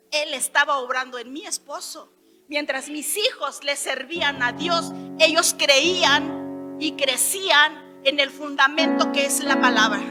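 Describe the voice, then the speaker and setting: A middle-aged Mexican woman from Hidalgo giving an emphatic sermon testimony, rising to loud declarations. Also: high voice. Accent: Mexican Spanish. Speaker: preacher. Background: soft keyboard music.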